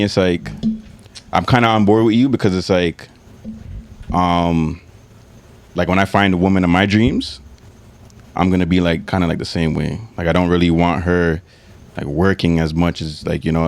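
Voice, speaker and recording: A man's voice: low voice, fairly even intonation, moderate pace. A young man with a Toronto accent co-hosting a casual podcast, laid-back and slangy. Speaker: podcast co-host.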